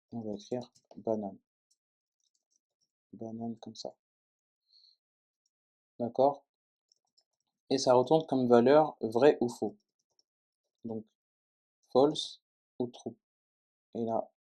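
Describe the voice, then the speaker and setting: Man, coding tutor, step-by-step explanation, dark mellow voice, keyboard clicks behind. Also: medium pitch. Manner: explains step by step, often checking with "d'accord?". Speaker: programming tutor. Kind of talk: screen-recorded coding tutorial.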